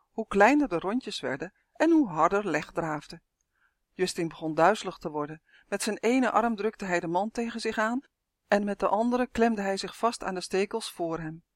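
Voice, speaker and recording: A woman reading a children's story aloud in a lively, expressive way. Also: lowish voice, no room sound, studio quality. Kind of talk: storybook narration.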